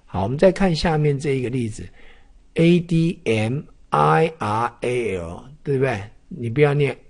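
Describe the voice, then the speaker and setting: A man's voice: mid-range voice, expressive, normal speed. A man teaching English phonics, spelling out letters and repeating each word many times. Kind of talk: classroom-style phonics lesson.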